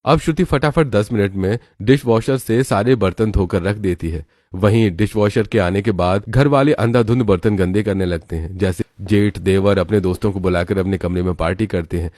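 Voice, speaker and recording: Brief: male storyteller, lowish voice, dry close recording. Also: moderate pace, hardly any pauses, darkish tone, no room sound. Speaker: narrator. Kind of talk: scripted narration.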